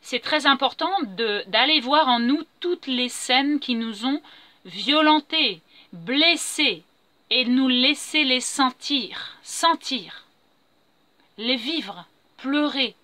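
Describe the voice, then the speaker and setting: A woman's voice: high voice, expressive, takes it slowly, bright, forceful tone, no echo. A middle-aged woman talking earnestly and repetitively about her feelings in a spontaneous spiritual monologue. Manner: earnest, repetitive, self-affirming. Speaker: vlogger sharing personal growth.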